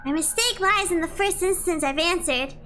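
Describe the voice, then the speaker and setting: A woman streamer reading a game's narration aloud and breaking off into excited, swearing reactions. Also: extremely high pitch, normal speed, faint music behind. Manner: reads narration, then bursts into swearing and laughing reactions.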